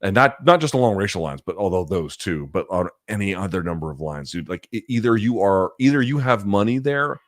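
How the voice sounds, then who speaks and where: A middle-aged man with a deep voice talks a little fast and barely pauses as he hosts a live chat, reading questions from viewers. His answers are casual, blunt and profane, with animated asides, in studio-quality audio without room sound.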